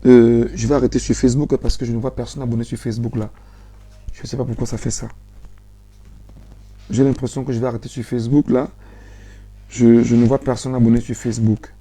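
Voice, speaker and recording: A Cameroonian man with a very dark, mellow voice addresses his live-stream audience. His Cameroonian French accent carries a low-key, soft-spoken delivery. He keeps repeating himself, pleading and pressing the point with growing urgency. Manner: insistent, repeats phrases, pleading.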